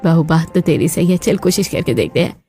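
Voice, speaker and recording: A woman voicing a kind but firm older mother-in-law in a cartoon story, speaking calmly and insistently. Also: low voice, brisk, slightly rough, faint music behind, voice pushed down. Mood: agreeing.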